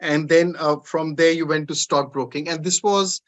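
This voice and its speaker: A man hosting a podcast, asking questions in a relaxed, conversational way with frequent fillers. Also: a little high, normal speed. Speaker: podcast host. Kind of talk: interview conversation.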